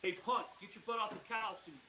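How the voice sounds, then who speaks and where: A man's voice: high voice, quick pace, background noise, voice pushed up, lightly acted. A man voicing his pet dog as a cheeky, pushy male who orders his owner off the couch. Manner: mock-tough, pushy.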